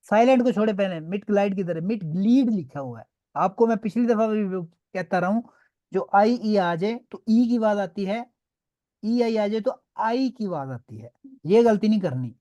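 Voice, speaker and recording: A man's voice: high voice, moderate pace, warm tone, muffled recording. A man teaching a beginners' online class, patiently drilling sounds and often checking that students follow. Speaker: language teacher.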